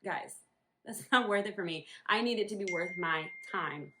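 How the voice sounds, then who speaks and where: A woman's voice: mid-range voice, normal speed, background noise. A woman from Northern New England chatting casually about her home embroidery business, rambling with many ums and likes. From Northern New England, USA. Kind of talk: casual vlog chat.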